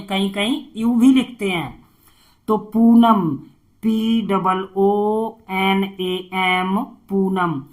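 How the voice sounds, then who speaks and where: A man's voice: sits high, a bit bright. A male teacher with a Hindi accent gives a spelling lesson, saying words letter by letter and asking questions that he answers himself. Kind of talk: spelling lesson, slow and step by step.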